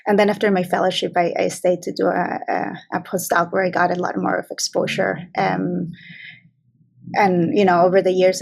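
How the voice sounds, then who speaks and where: A woman from Peru in her forties speaks over a webcam from a small office, her voice gravelly with fry and her pitch staying flat and even. She answers as a child psychiatrist, thinking aloud with frequent fillers and false starts. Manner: hesitant, many fillers and restarts. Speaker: child psychiatrist, grant awardee. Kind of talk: conversational interview answers. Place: small office room, indoors. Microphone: video call webcam.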